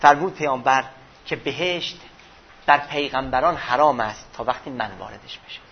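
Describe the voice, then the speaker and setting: A man giving a religious history lesson, retelling events dramatically and swinging from loud passages to hushed ones, with a husky voice. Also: mid-range voice, muffled recording. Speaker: religious teacher.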